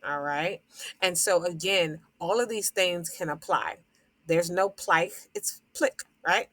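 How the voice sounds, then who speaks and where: A woman's voice: fairly low pitch, unhurried, a bit bright, no echo. A woman teacher explaining vowel syllable types to other educators, sounding out example words and repeating them with fillers. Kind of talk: phonics lesson explanation.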